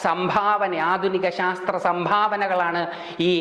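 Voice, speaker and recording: Older man with a Kerala Malayalam accent, spiritual orator, deliberate pauses, high-ish voice, roomy echo. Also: little pitch movement, sharp tone. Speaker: spiritual speaker. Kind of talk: religious discourse. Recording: echoey hall.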